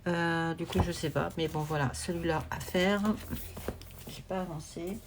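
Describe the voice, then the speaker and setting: A woman talks casually to her camera at home, wandering from thought to thought and filling the gaps with little hesitations. Her voice sits a bit low, and faint noise is under her. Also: steady tone, measured pace. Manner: rambling, meandering, with many fillers and restarts. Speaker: coloring vlogger.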